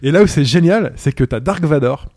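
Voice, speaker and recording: Fast-talking man, animated storyteller. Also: a little high, no room sound, studio quality. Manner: animated storyteller, acts out scenes. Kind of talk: casual chat.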